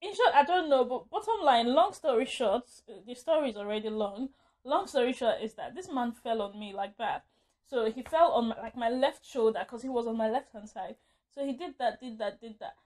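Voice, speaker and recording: A woman's voice: a little high, animated, normal speed, darkish tone. A woman telling a casual storytime vlog, rambling, correcting herself and laughing often. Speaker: vlogger.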